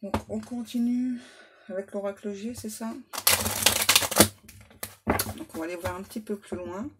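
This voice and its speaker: A woman medium giving a relaxed tarot reading to her viewers, reassuring them and tacking little asides onto her sentences. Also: mid-range voice, very noisy. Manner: unhurried, reassuring, full of little "hein" and "ouais" asides; reads English card names aloud. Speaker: medium doing card readings.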